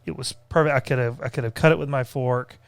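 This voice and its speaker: A man with a smooth, clear voice chats through a casual restaurant review. He hesitates and repeats words as he goes. The sound is dry and close, with no room echo. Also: mid-range voice, steady tone, fast talker. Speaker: co-host reviewing theme park restaurants. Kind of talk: casual conversational food review.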